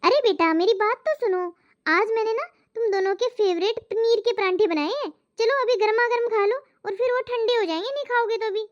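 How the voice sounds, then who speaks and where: A woman voicing an overworked housewife and mother in an animated family story, scolding and complaining about her chores. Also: extremely high pitch, fairly quick. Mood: coaxing. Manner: complaining, scolding, talks to herself. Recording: muffled lo-fi voice track.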